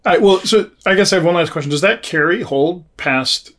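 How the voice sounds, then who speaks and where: A man's voice: sits high, a little fast, fairly bright tone. A man co-hosting a podcast in casual conversation, informal and thinking aloud as he goes. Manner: informal, thinking aloud with false starts and self-quotes. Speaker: podcast co-host.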